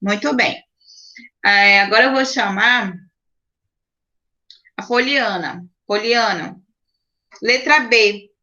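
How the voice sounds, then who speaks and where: A woman's voice: mid-range voice, slow pace, pauses often, bright, forceful tone, lo-fi sound. A woman teacher with a Brazilian Portuguese accent, patiently explaining grammar to children on a video call and checking in often. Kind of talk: online class teaching.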